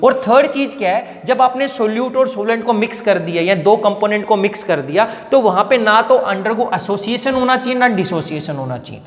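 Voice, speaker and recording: A man with a rather high-pitched voice teaches chemistry, mixing Hindi explanation with English technical terms. He slows right down to dictate phrases word by word, like a teacher giving notes. His voice rings out with a long reverb in the room. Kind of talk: classroom lecture, dictating notes.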